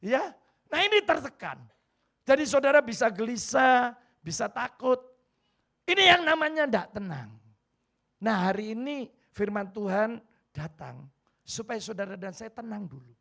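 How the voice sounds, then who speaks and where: A man's voice: sits high, lively intonation, unhurried, creaky, long pauses, bright, forceful tone. A male pastor with an East Javanese accent preaching a sermon, acting out little scenes and slipping into Javanese phrases. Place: church hall.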